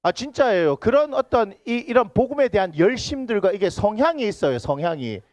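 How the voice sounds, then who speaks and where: Lively Gyeongsang-accented pastor preaching. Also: male voice, high voice, fairly quick, no echo. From Busan. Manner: lively, teasing, banters with the congregation. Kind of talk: sermon. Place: church sanctuary. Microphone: handheld microphone.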